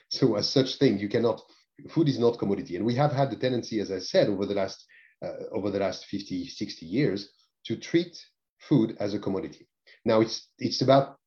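A man being interviewed, speaking in a thoughtful, measured way with some phrasing. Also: lowish voice, mellow. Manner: thoughtful, measured, with non-native phrasing and restarts. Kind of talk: conversational interview. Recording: dull lo-fi sound.

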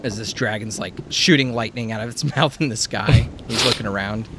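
A man's voice: fairly low pitch, brisk. A man narrating a tabletop role-playing game as game master, casually and with some swearing. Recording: clear background noise.

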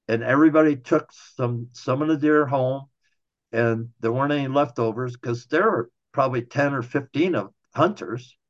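A man's voice: medium pitch, dull audio. A man casually telling a personal story in a folksy way, talking straight to his listeners.

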